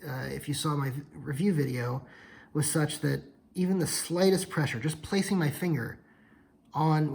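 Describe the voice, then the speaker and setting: A tired man yawns late at night while casually demonstrating knives on his channel, rambling and often correcting himself in this hands-on demo vlog. His voice is on the high side, creaky, darkish and husky, and the audio is poor.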